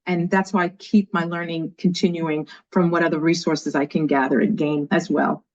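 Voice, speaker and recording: Dull lo-fi call audio carries this casual interview with an enthusiastic guest: a New York woman in her fifties who works as an education leader and has a light local accent. Her voice sits low with a level, darkish tone and moves at normal speed.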